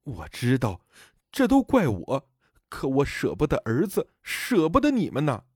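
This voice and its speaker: A man voicing the grieving spirit of a dead elderly mother, speaking softly and sorrowfully. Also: a little high, big pitch swings, a little slow, no echo, clean studio sound. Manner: soft, sorrowful pleading.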